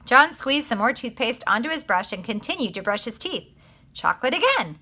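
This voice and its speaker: A woman, a teacher, reading a children's book aloud in an expressive, animated way. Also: fairly high pitch, fairly quick.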